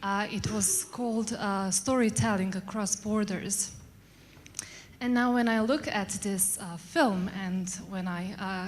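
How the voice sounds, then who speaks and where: A woman's voice: mid-range voice, a little hiss or hum. A woman from Bosnia and Herzegovina asking a polite, hesitant question from a conference audience. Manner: polite, hesitant, many fillers. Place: conference hall. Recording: long hall reverb, faint ambience.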